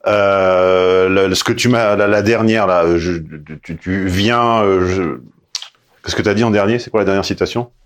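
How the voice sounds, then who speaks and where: A man's voice: low-pitched, steady tone, a little slow. A man coaching a caller on her dating life, blunt and emphatic, with mocking asides. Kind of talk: casual coaching call.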